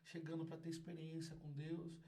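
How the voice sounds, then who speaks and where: A man's voice: on the high side, monotone, normal speed. A Brazilian man with a Brazilian Portuguese accent, telling stories as a podcast guest, laughing and acting out voices with lots of energy. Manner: exuberant, laughing, acts out voices loudly. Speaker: guest, community founder. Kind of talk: animated storytelling.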